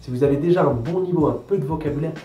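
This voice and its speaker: A man's voice: a little high, rapid-fire, warm tone. French man giving language advice, echoey room. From France. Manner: didactic, emphatic, repeats for emphasis. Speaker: language coach. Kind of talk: talking-head language advice video. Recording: echoey room with light guitar music.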